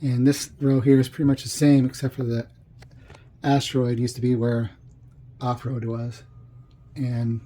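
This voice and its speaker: A man's voice: medium pitch, flat delivery, measured pace, warm tone. A man giving a casual vlog tour of his home game room, chatty and rambling with lots of fillers, his voice a bit off after tonsil surgery. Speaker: arcade collector vlogger.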